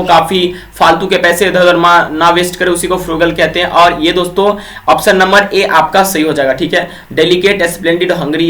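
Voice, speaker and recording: A young man with a high-pitched voice teaches English words for an exam. He keeps putting questions to his viewers and answers them himself, tagging each point with a quick check-in. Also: a bit bright. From Bihar, India. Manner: repeats quiz questions to viewers, fills with "ठीक है". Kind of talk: exam-prep vocabulary lesson.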